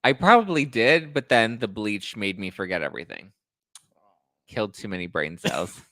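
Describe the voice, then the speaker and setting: A man's voice: lowish voice, expressive, normal speed, fairly bright tone, dry recording. A man hosting a pop culture podcast in an upbeat, teasing, gossipy chat. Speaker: podcast host. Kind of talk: casual chat.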